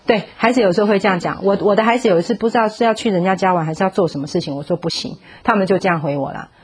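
A woman's voice: medium pitch, very fast, breathy edge. A woman teaching a parenting class, talking in an earnest, firm way and acting out how to speak to children.

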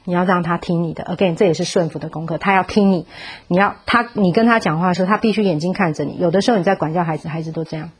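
A woman with a low, slightly husky voice, teaching a parenting class. She talks earnestly and firmly, and she demonstrates how a parent should speak to children. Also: very fast.

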